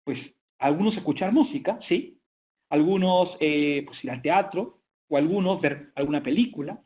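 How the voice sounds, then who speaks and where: Male lecturer with a slightly high voice, halting delivery full of filler sounds, presenting slides online. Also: a little mellow, a little hiss or hum. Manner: hesitant, frequent filler sounds.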